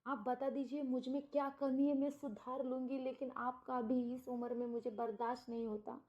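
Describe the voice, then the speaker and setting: A middle-aged wife worn down by years of neglect, pleading and complaining through tears, as a woman storyteller puts her on. Her voice sits a little high, and her lines come out in choked, desperate runs. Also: flat delivery, normal speed, darkish tone, muffled recording, lightly acted. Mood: tearful.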